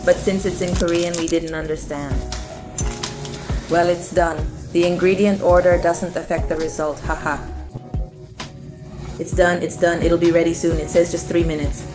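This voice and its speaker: A woman's voice: on the low side, flat delivery, normal speed, long pauses. A woman vlogger chatting casually to viewers and family during a food challenge. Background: music, clinking dishes.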